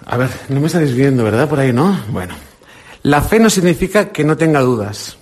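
A middle-aged radio presenter with a Spain Spanish accent runs an encouraging quiz for a children's group during an indoor visit, firing off quick questions. His mid-range voice is expressive and a little mellow, with a breathy edge.

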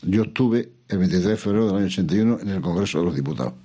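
An older man answering interview questions about politics in a measured, reflective way, pausing and restarting, asking himself questions. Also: deep voice, expressive, mellow, slightly rough. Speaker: interview guest, former regional president.

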